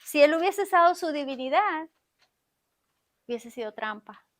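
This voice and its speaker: A woman with a high-pitched voice delivers a sermon from the pulpit of a church. She speaks straight to her congregation and keeps stopping to ask them questions. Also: animated, normal speed, a bit bright. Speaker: preacher. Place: church sanctuary.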